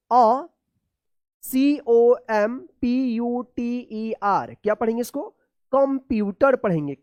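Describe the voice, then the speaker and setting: Woman spelling words out in a slow lesson. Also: on the high side, darkish tone, no echo, studio quality. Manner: spells words letter by letter, then repeats them slowly; keeps asking the listener how a word is read. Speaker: English reading teacher. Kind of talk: classroom-style reading lesson.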